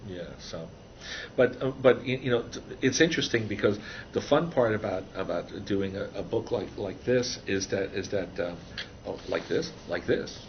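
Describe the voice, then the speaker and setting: An older man with a fairly low voice talks through a casual interview, circling back with fillers and restarts as he explains his ideas. The recording is a little dull, with a faint hiss behind him. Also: normal speed. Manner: rambling, many restarts and fillers. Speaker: interviewee, author of a book on computer animation. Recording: dull, slightly noisy recording.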